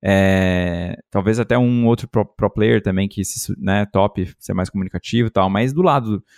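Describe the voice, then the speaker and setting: A man's voice: on the low side, moderate pace, darkish tone, no echo, studio quality. A man with a Brazilian Portuguese accent hosting a podcast, chatting casually and informally with slang. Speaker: podcast host. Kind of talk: casual interview chat.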